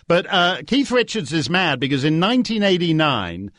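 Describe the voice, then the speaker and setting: A man's voice: fairly high pitch, very animated, moderate pace, a bit bright, no echo. A man guest-hosting a talk radio show from a studio, delivering a sardonic, joking monologue with frequent "uh" fillers. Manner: sardonic, jokey, many "uh" fillers. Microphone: studio microphone.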